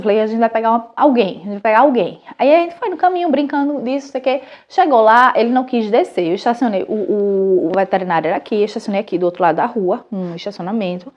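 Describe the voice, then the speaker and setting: Give me a chatty Brazilian mother in her thirties with a brightish voice, sharing a family story. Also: a little high, highs cut off. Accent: Brazilian Portuguese. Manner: animated and chatty, with many restarts. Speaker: mother and channel host. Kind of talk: casual storytelling.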